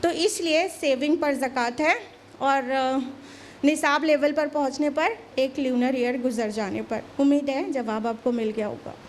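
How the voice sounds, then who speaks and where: Woman, high voice, calm religious Q&A, explanatory, English terms mixed in. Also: unhurried, slight background noise. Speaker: Islamic scholar answering questions.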